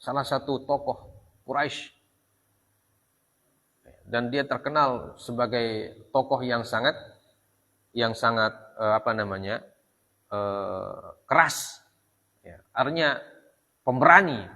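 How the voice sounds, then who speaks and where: Preacher in an echoey hall. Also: male voice, medium pitch, bright, forceful tone. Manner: reads Arabic text slowly, then retells in Indonesian with frequent "ya". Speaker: religious teacher. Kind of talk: Islamic study lecture. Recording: long hall reverb.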